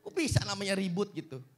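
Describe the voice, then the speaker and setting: A young man works a stand-up set on a cinema stage, and his voice sits notably high for a man. He tells his stories with animated energy and acts out every quoted line. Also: slight background noise. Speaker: stand-up comedian. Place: cinema stage with a live audience.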